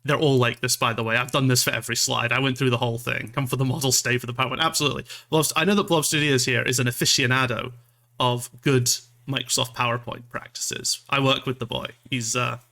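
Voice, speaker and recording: Male VTuber from Scotland, bright voice, mid pitch, loose rambling livestream chat, self-deprecating, sweary. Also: level tone, quick pace, vocal fry. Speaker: streamer, VTuber.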